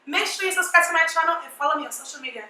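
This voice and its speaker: Bright young woman with hoarse voice. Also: sits high, racing, a little hiss or hum. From Nigeria. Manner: playful, brash, swears jokingly. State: voice partly gone. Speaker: cooking vlogger. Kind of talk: casual cooking tutorial. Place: home kitchen. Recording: very echoey kitchen.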